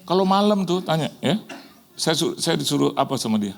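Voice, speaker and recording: A man's voice: on the high side, a little fast, creaky. A middle-aged man preaching a sermon, telling stories and acting out the dialogue and sound effects with mixed in. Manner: animated storyteller, acts out dialogue and sound effects. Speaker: pastor. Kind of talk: lively sermon with told stories.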